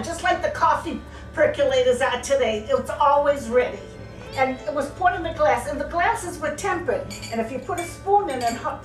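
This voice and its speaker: An older woman hosting a home cooking show, talking in a plain, homey, grandmotherly way. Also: high voice. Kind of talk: casual cooking show chat. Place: home kitchen. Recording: echoey kitchen, mic at a distance.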